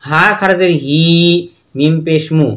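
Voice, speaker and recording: A man with a Bangladeshi Bengali accent teaching Quran reading, spelling words out letter by letter and chanting the verses. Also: a little high. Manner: slow letter-by-letter drilling with sung recitation.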